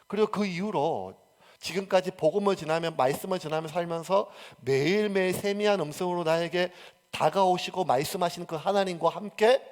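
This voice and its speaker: A male pastor from South Korea, preaching a sermon that swings from loud emphasis to near-whispered asides. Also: sits high.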